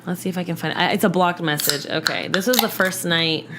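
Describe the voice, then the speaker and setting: A woman telling a casual dating story on a podcast, animated, acting out quotes and saying "like" a lot. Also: on the low side, quick pace, background noise. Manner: animated, acts out quotes, lots of "like". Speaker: podcast guest. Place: podcast studio.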